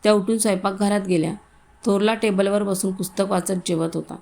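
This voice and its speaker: A woman reading a short story aloud in a calm, even storytelling manner, voicing the family's dialogue herself. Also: mid-range voice, fairly quick, vocal fry. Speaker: story reader.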